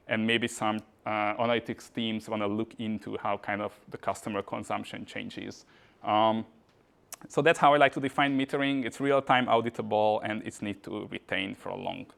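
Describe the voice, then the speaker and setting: A man's voice: on the low side, gravelly, a bit bright. A man from Hungary, giving a casual tech meetup talk with frequent "uh" and "kind of" fillers. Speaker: conference speaker. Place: meetup venue.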